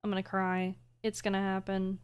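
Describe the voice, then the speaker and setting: Female reaction streamer. Smooth, clean voice, mid pitch, casual but dramatic and squeamish delivery. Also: completely flat delivery, normal speed, muffled recording.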